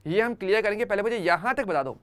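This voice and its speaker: A man's voice: high-pitched, fast talker, a bit bright. A man teaching an online chemistry class for exam students, conversational, using everyday examples and often checking that students follow.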